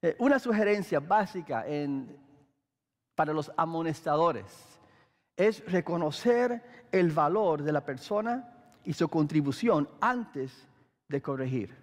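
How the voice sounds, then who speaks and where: High-voiced pastor preaching in a reverberant church. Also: male voice, lively intonation, takes it slowly. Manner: conversational preaching with frequent fillers and restarts. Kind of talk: sermon. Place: large church hall. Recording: echoey church hall.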